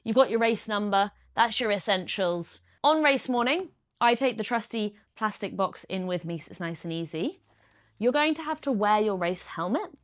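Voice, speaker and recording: A woman's voice: mid-range voice, lively intonation, moderate pace. A woman, talking through her triathlon kit in a casual how-to vlog, chatty and practical. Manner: chatty, practical, explains step by step. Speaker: triathlete vlogger.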